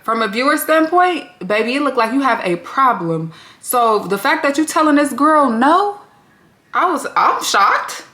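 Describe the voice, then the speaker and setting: A woman hosting a reality TV recap, talking bluntly and with plenty of profanity in an animated, candid way. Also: sits high, measured pace. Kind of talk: candid vlog commentary. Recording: roomy echo.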